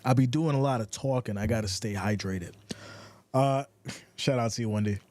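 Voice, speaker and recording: A man's voice: mid-range voice, normal speed, a little mellow. A man doing casual play-by-play for a football livestream, reading viewer comments between plays in a laid-back way. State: has the hiccups.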